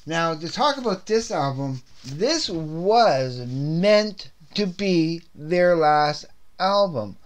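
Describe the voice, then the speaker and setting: Here the host of a Canadian CD review series rambles through an unscripted album review, doubling up words and restarting sentences in a slightly scratchy voice. He has a fairly high, smooth voice with lively intonation and takes his time.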